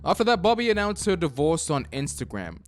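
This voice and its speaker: A man's voice: fairly high pitch, very animated, a little fast. A man narrating a scripted video essay as a commentator. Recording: music under the voice. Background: background music.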